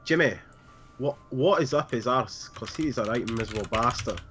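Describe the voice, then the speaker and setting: A man playing a blunt, not very bright male dwarf mercenary, talking crudely with low asides. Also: moderate pace, a little hiss or hum, lightly acted.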